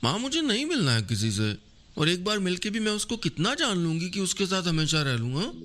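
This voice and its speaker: A man voicing a sulky, reluctant young woman who pleads quickly and whines, as part of a told story. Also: high voice, big pitch swings, fairly bright tone, pitched above the performer's own voice. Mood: whining.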